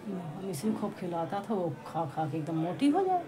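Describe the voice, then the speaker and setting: A woman casually telling a devotional folk tale to listeners around her, in a chatty, halting way with restarts and asides. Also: fairly low pitch, very animated, music in the background. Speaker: storyteller. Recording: home recording with clear background noise.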